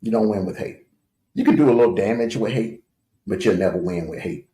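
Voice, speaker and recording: In an echoey room, a man hosting a livestream rants with jeering, taunting commentary and scornful laughter. His voice is fairly low, mellow, and fairly quick.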